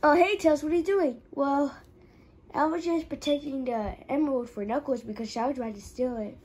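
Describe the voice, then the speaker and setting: Woman doing a high, mild little fox plush sidekick, kinda unsure. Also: moderate pace, a little mellow, close to an everyday voice.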